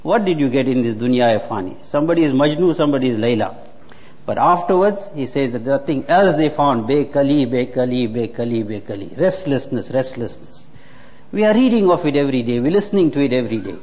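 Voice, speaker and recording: Earnest preacher in an echoing hall. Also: male voice, mid-range voice, animated, fast talker, a little mellow. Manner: earnest, exhorting, repeats words for emphasis. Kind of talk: sermon. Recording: muffled hall with long reverb.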